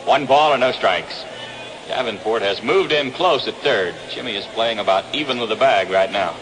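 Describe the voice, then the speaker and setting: This noisy vintage 1962 radio broadcast features an American man doing baseball play-by-play, 1960s radio style, at an outdoor ballpark. He speaks in a lowish voice at a moderate pace.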